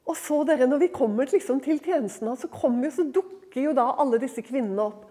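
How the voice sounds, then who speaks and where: A woman with a high voice gives a devotional talk at a women's retreat. She tells the stories in an animated way, acting out the characters' lines and moving between loud, excited passages and hushed, tender ones. Her casual asides keep the tone warm and conversational. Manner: lively storytelling, acts out quoted lines, swings from loud to hushed; conversational fillers, frequent laughter in voice.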